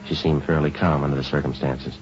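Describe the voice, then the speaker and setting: An actor playing a deadpan, clipped police sergeant who narrates and questions in a vintage radio drama, courteous and matter-of-fact. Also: male voice, a bass voice, a little fast, soft background music. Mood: flat, factual. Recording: dull, band-limited vintage radio recording.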